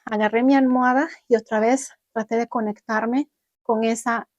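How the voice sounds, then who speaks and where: A young adult woman vlogging, telling viewers about her own experience in an animated way and acting out what she once said. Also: a little high, moderate pace, no room sound, lo-fi sound. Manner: animated, acts out her own past words. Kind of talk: personal storytelling to viewers.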